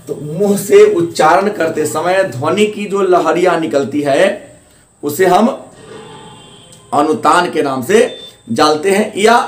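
A male teacher giving a grammar lesson, repeating key terms and asking questions he answers himself. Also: sits high. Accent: Hindi, eastern. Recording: echoey room, mic at a distance.

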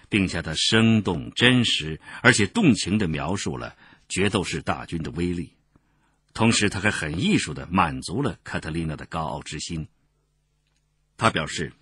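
Expressive, husky male audiobook narrator. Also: sits low, no echo, clean studio sound. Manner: expressive, swings between loud and soft.

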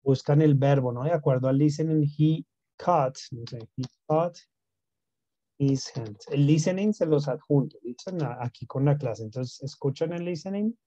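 Mellow-voiced teacher. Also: male voice, fairly high pitch, moderate pace, no echo. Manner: mixes Spanish and English, frequent "¿no?" and "¿listo?" checks. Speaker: English teacher. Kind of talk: online class explanation. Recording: dull lo-fi sound.

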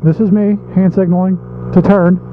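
A man giving excitable, joking commentary to his viewers while riding a small motorbike through town traffic, recorded outdoors on the road. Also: sits high, moderate pace. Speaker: motovlogger. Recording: dull muffled sound with loud road and wind noise. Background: traffic and engine noise.

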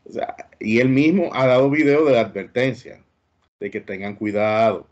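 A man's voice: medium pitch, normal speed, a little mellow, highs cut off. A man hosting an interview, earnest and cautionary in tone. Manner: earnest, warning tone. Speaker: host.

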